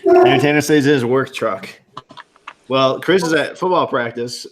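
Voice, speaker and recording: A man's voice: mid-range voice, moderate pace, a crowd in the background. A man hosting a casual live-stream hangout, teasing his guests in a dry way and laughing often.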